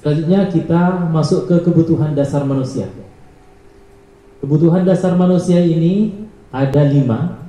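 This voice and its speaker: Dark-voiced man presenting in an echoey room. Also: mid-range voice, slight background noise. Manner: reads points as numbered lists. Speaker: teacher. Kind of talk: presenting a training module.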